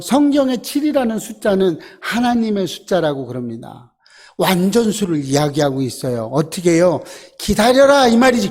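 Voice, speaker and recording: Pastor, male, high-pitched, church sermon; repetitive exhortations, sudden drops to near-whisper. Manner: swings between loud exhortation and hushed, soft asides; repeats short commands to the congregation. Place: church sanctuary.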